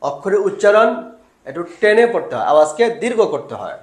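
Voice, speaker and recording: A man's voice: high voice, very animated, fairly quick, echoey room. A man teaching Quran reading step by step, asking questions, answering them himself and drawing out syllables. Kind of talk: step-by-step lesson.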